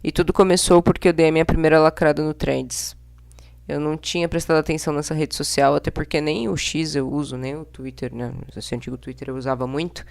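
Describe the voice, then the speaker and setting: A woman's voice: low-pitched, fairly even intonation, a little fast, gravelly, darkish tone. A young woman with a Brazilian accent, talking casually and bluntly in an exasperated, slangy vlog monologue. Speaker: vlogger. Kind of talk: casual opinionated monologue to camera.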